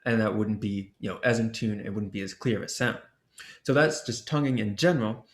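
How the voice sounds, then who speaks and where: A man presenting an ocarina workshop, explaining technique in a relaxed way and sounding out the syllables as he goes. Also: fairly low pitch, fairly quick. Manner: casual, explains with demonstration syllables and fillers. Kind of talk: instructional explanation. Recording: roomy echo.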